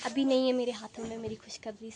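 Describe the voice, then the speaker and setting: A woman's voice: on the high side, level tone, quick pace, a crowd in the background. A young woman chatting casually in a family vlog, coaxing and scolding her small kids as she goes. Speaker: vlogger and mother.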